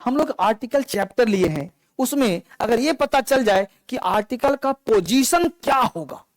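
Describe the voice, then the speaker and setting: In a poorly recorded, dry classroom lecture, a man with an extremely high pitch and lively intonation teaches English grammar at a moderate pace. He repeats himself and coaxes his students by asking them questions.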